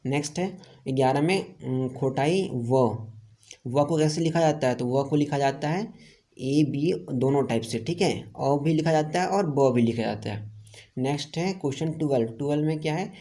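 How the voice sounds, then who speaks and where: A man with a mellow, soft-edged voice and a Jharkhand accent teaches an exam-prep lesson. He works through quiz questions in order, asks each one aloud and answers it himself in a steady, explaining way. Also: fairly high pitch, normal speed. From India. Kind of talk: online lesson going over quiz answers.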